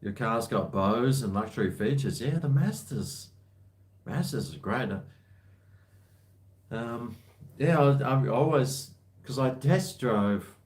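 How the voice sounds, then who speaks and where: A livestream host with an expressive, medium-pitched voice talks slowly and pauses often. He rambles casually through viewer comments, using blokey, easygoing slang.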